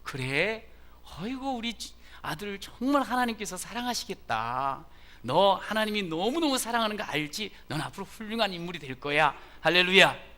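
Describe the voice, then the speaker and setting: Brief: shrill prying mom checking on her kid, put on by a male preacher, sharp bright tone. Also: unhurried. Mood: doting. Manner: shrill, scolding questions. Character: nagging Korean mother phoning her son.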